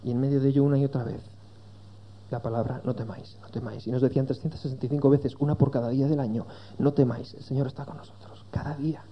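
A man's voice: mid-range voice, flat delivery, quick pace, dull audio, a little hiss or hum. A man preaching a sermon to his congregation, earnest and rising to emphatic peaks.

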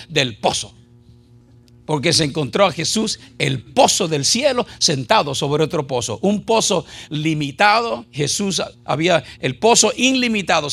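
Male pastor, raspy gravelly tone, preaching with rhetorical questions and humor to a church congregation. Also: sits high, fairly bright tone. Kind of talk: Spanish-language sermon with call-and-response.

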